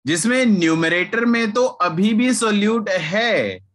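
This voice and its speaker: Slow-talking man teaching chemistry online. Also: sits high, expressive, a bit bright. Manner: patient, repeats key points slowly to students; mixes Hindi with English terms. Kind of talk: online class lecture.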